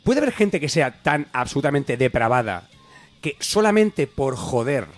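A man's voice: medium pitch, big pitch swings, normal speed, dry recording, faint music behind. A man from co-hosting a comedy radio magazine, rambling in a mock-serious, ironic way. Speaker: radio show co-host.

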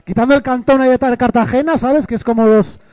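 A man's voice: very high voice, fairly even intonation, fast talker, a little mellow, no echo. A man co-hosting a casual comedy chat, joking and rambling with many restarts. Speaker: co-host.

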